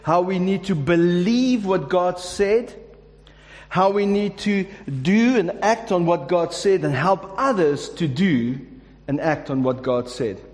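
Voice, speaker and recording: A pastor preaches a sermon to his congregation in a church hall, casual and joking, restarting often. His voice sits high with a darkish tone and a slow pace, and the recording carries long hall reverb.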